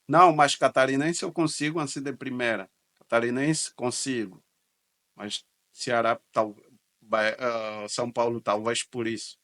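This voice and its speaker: A man's voice: medium pitch, steady tone, a little slow, fairly bright tone. A man hosting a reaction video, speaking in casual commentary, chatty and repeating words as he reacts.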